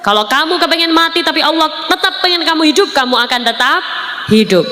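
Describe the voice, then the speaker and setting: A woman's voice: sits high, animated, quick pace, bright, forceful tone, voice pushed up. A woman preacher voicing the devil as a male tempter who coaxes and urges in a preachy way. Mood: coaxing. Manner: coaxing, preachy persuasion. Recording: echoey hall with faint noise.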